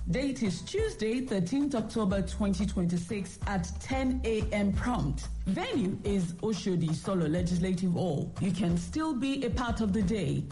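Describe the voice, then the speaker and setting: A woman announcing an event in an upbeat radio promo. Her voice is mellow and warm, yet her pitch rises and falls a great deal. Faint music plays beneath her. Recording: music bed behind.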